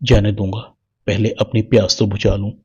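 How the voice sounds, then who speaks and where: A man's voice: fairly low pitch, flat delivery, breathy edge, lo-fi sound. A man reading a scheming drunk villain.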